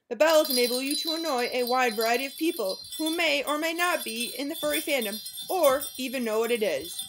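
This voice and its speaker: A woman with a high voice reads a scripted hard sell ad. She plays the infomercial host, posing teasing questions and building up each selling point in an exaggerated sales delivery.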